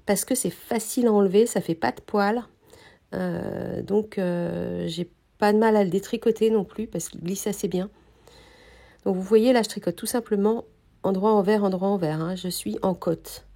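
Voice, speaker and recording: A woman with a soft, mellow voice talks through a knitting tutorial at an even pace. She sounds a little nasal and stuffy from a cold, pausing often with small hesitations as she explains each stitch. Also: mid-range voice, vocal fry. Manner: calm, hesitant explaining with many pauses. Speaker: knitting instructor.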